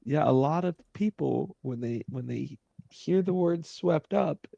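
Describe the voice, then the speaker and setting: A man co-hosting a podcast in casual chat, giving quick affirmations and laughing easily as he reacts. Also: fairly high pitch, gravelly, warm tone, no echo, muffled recording. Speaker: podcast co-host.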